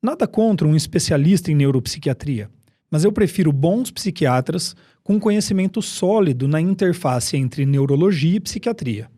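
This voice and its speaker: A Brazilian man with a fairly high, mellow voice hosts a podcast discussion. He explains each point in a measured, scripted manner. The sound is close and dry. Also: animated, no echo. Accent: Brazilian Portuguese. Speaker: psychiatry podcast host.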